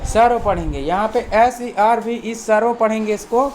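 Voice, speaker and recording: With a medium-pitched, slightly mellow voice at a moderate pace, an English teacher explains a language lesson in Hindi. Every word is spelled letter by letter, repeated and translated, and the teacher patiently checks in often with "theek hai." A little hiss or hum is audible.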